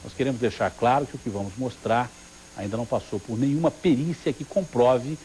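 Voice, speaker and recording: A man's voice: medium pitch, a little fast, warm tone. A Brazilian man anchoring television news, presenting and commenting in a conversational way. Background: music.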